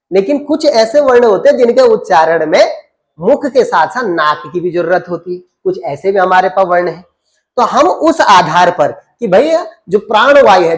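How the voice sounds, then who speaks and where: A man teaching Hindi grammar to a class, asking questions and answering them himself in a coaxing call-and-response way. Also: high-pitched. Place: classroom with students.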